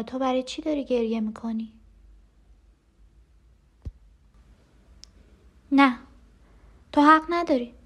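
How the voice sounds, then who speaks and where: An actress delivers an emotional audio drama monologue as a frightened, tender twin sister who clings and pleads. Her high female voice sounds anxious and intimate.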